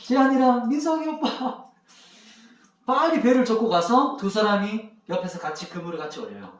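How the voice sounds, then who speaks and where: In a children's sermon, a male pastor with a high-pitched, lively voice tells a Bible story at normal speed, asking the kids questions along the way. The room is echoey and the mic sits far off.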